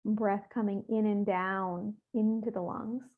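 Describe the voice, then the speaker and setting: Through narrow, phone-like audio, a woman with a mid-pitched voice guides a meditation. She speaks gently and evenly, with pauses between her soft instructions. Her steady tone is soothing and unhurried, with little rise and fall.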